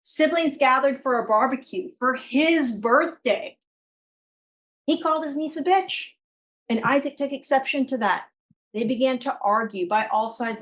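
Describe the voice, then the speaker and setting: A woman's voice: a little high, poor audio. A woman prosecutor giving a courtroom closing argument, emphatic and pressing her points through repetition. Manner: emphatic, repeating key phrases for force.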